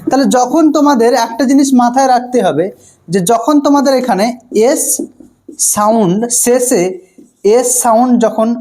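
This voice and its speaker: A man with a very high-pitched, warm voice teaches an online grammar lesson at a moderate pace. He repeats each point, often asks his students whether they follow, and answers his own questions.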